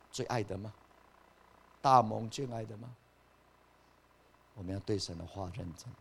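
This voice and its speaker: A man preaching a sermon. He moves from soft asides to loud, rising emphasis, and he asks the listeners questions and then answers them himself. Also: on the low side, a little hiss or hum. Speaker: pastor.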